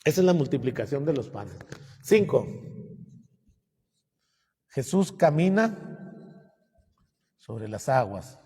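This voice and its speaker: A man's voice: medium pitch, very animated, slow pace, long pauses, mellow, husky, in a large hall. An older man, a priest, retelling gospel stories in a folksy, humorous homily with asides. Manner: folksy, humorous storytelling with asides and acted quotes.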